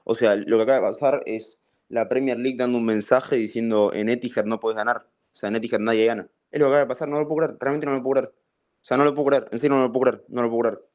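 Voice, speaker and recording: A young Argentine man, hoarse from shouting, ranting angrily about a football match over a video call. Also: medium pitch, steady tone, fast talker. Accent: Argentine Spanish. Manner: furious, ranting, swearing, repeats himself. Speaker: guest on football reaction stream.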